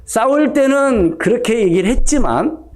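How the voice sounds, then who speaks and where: With a very high voice, lively intonation and a moderate pace, a middle-aged pastor preaches a conversational Sunday sermon. He acts out bits of everyday, gossipy dialogue along the way.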